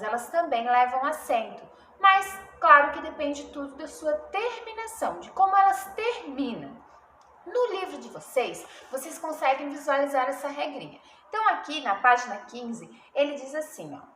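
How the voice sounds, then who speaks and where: A woman teacher reading a story and explaining a grammar lesson, talking slowly with many questions to her pupils. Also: high-pitched, pushed and bright. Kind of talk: recorded remote class lesson, story reading. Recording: echoey room with faint background noise.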